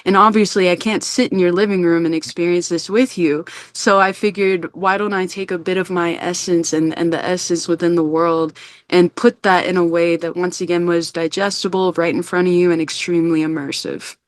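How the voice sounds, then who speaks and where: An earnest woman filmmaker speaks expressively as an interview guest. Her voice sits a little low. The recording is dry and close, with no room sound. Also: steady tone, moderate pace, no echo. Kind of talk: interview conversation.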